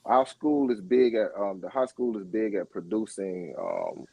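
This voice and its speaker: Podcast guest: middle-aged Floridian man, low mellow voice, rambling with fillers, dry sound. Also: a little slow, breathy edge, no room sound. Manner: rambling, many fillers and restarts. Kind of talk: casual interview talk.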